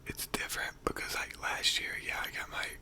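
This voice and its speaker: An American teenager whispering a casual, rambling ASMR monologue, quiet as if late at night. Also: fairly quick. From North Carolina, United States. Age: teenager, around 16 to 18. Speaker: ASMR video creator.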